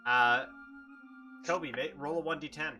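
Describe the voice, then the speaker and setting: A man's voice: on the high side, moderate pace, sharp tone. A man working as game master, narrating an improvised tabletop game in a playful, theatrical way. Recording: music playing behind.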